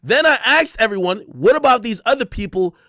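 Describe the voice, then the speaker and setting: A man's voice: very high-pitched, animated, a little fast, sharp tone, no echo, studio quality. A man, a hip-hop commentator, debating on a live stream, cutting in often and stammering repeated words.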